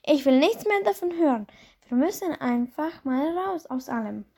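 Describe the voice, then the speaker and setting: A woman's voice: high-pitched, expressive, moderate pace, gravelly, dark tone. A woman voicing an impatient, chatty mother who coaxes and scolds in a storybook reading. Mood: exasperated. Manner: coaxing, exasperated.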